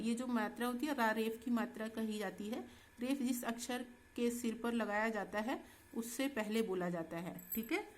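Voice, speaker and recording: A woman teacher going through textbook exercises with students in a slow, patient way, often checking in as she goes. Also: a little high. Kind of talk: Hindi textbook exercise lesson.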